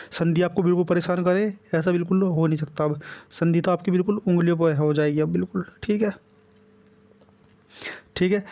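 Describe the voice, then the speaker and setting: A man with a fairly high, mellow voice and Hindi accent teaches a grammar lesson for exam preparation at a whiteboard, heard through a muffled recording. He repeats each step and constantly checks in with the class using "ठीक है".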